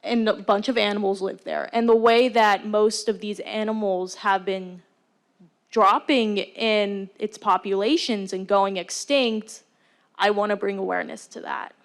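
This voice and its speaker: A woman's voice: medium pitch, steady tone, unhurried. A young woman student giving an earnest, unscripted answer to an audience question, with many restarts and "like" fillers. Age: young adult.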